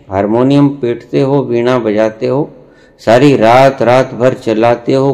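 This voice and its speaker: A man giving a spiritual discourse, slow and deliberate with long pauses, lecturing and rebuking his listeners. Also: medium pitch, a little mellow. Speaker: spiritual teacher.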